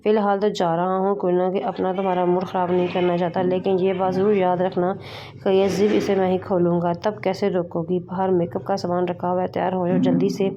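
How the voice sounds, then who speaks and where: A woman's voice: lowish voice, level tone, dark tone, slight background noise, lightly acted. A woman voicing a cold, possessive young man in a novel read-aloud, speaking in a threatening, commanding way, on a dull lo-fi recording.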